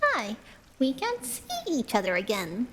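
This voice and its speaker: A woman voicing a chorus of tiny, timid piglets in a high, squeaky, indignant way, as a whispered role-play in a storybook reading. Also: very animated, a little slow, vocal fry, slightly rough, exaggerated voice. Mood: joyful.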